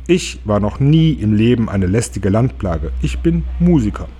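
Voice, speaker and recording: A haughty old grasshopper from a storybook who calls himself a musician, as a man puts him on. He speaks deep and contemptuous, stressing every word. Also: animated, a little fast, darkish tone, close to an everyday voice. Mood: scornful. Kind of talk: storybook read-aloud.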